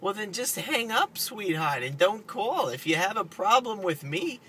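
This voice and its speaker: A man puts on an older woman, chatty and easily flustered, on an improvised prank phone call. The voice swings widely in pitch and keeps cutting in with condescending endearments. Clear car noise surrounds it. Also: big pitch swings, a little slow, bright, forceful tone, full character voice. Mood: indignant. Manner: interrupting, calls listener sweetheart and honey. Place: inside a parked car. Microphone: camera across the front seat. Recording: noisy car interior, vehicle rumble.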